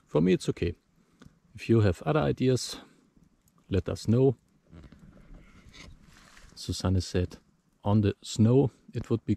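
Out in a forest, a native German speaker with a German accent demonstrates a camp stove for his bushcraft vlog, explaining each step in plain, simple terms. His voice is fairly low and dark, with vocal fry.

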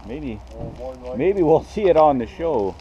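A man in his forties giving relaxed, musing commentary to a handheld action camera as he walks around an outdoor swap meet. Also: on the high side, takes it slowly, lo-fi sound. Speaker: vlogger. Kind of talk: casual walk-around commentary. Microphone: action camera carried by hand. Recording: outdoor noise around the mic.

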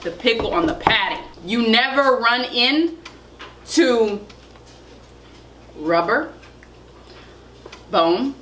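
A woman hosting a casual food review, chatty and lively, laughing often. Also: fairly high pitch, slow pace, pauses often, reverberant, slight background noise. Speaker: food vlogger host.

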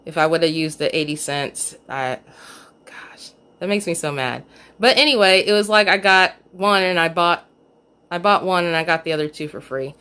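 A woman's voice: fairly low pitch, moderate pace, sharp tone, clear, resonant tone. A woman casually walking through her store haul on a phone camera at home, chatty and a little self-scolding. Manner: chatty, self-scolding about a missed coupon. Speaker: couponing vlogger. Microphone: phone camera, off screen.

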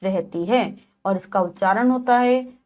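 Slow, patient woman teaching children. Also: mid-range voice, darkish tone. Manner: slow, patient, spells out letters one by one; checks in often with "okay". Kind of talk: textbook lesson explaining Sanskrit vowel signs to children.

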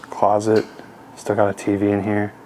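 A young man with a fairly low voice narrates as he walks through a big empty house, speaking casually and with excitement to his viewers. His handheld camera mic catches a faint hum of room ambience behind him. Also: normal speed. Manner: excited, addresses viewers as guys. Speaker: urban explorer vlogger. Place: large empty mansion indoors.

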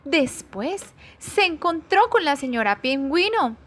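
Woman reading a kids' storybook out loud, really high voice, slow and expressive. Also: slight background noise. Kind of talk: reading a children's story aloud.

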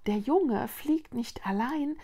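A gossiping birch tree woman, eager to share the news, as a woman reading a storybook puts her on. The voice is slow with a gravelly edge. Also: high-pitched, pitched above the performer's own voice, exaggerated voice. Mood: excited. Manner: excited and gossipy.

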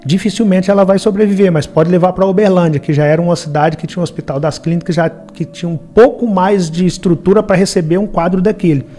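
In his forties and speaking with a Minas Gerais Brazilian Portuguese accent, a man tells his life story as a podcast guest, earnestly acting out other people's quoted voices. His high, warm voice moves fast with fairly even intonation and hardly any pauses, and faint music plays behind. He's in a studio with a brick wall and purple lights, on a boom-arm studio microphone.

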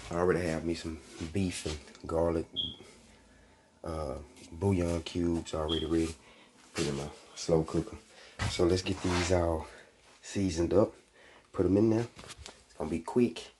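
A man in his thirties hosts a casual home cooking vlog, filming himself on a phone held at arm's length in his small home kitchen. His voice is low, and he talks in a laid-back, slangy way as he shows a recipe over a noisy background.

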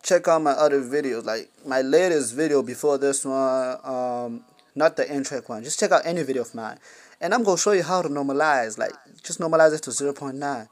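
A man's voice: medium pitch, fairly quick. Rambling young man explaining app settings. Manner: rambling, lots of fillers, slangy. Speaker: music production tutorial host. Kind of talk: casual screen-recorded tutorial.

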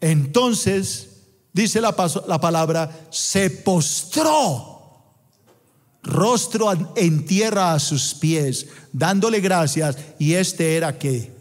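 A man's voice: fairly high pitch, slow. A man preaching a sermon in a church auditorium, emphatic and prompting the congregation to call out key words. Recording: long hall reverb in a church auditorium.

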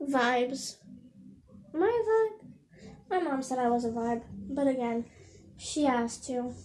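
Teen girl vlogging w her puppy, high voice, talks slow, baby talk to the dog. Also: darkish tone. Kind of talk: casual vlog with a puppy.

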